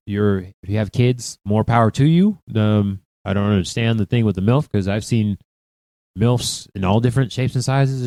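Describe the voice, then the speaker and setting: A man's voice: fairly low pitch, warm tone, dry recording. A man hosting a solo podcast, chatting casually with wry asides and tangents. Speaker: podcast host.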